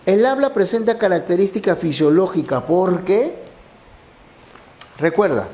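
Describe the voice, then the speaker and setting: A male teacher reviewing exam questions and working through each answer step by step. His voice sits a little high and moves up and down in a very lively way. He explains in the patient, methodical manner of a classroom review. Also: unhurried. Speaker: language teacher.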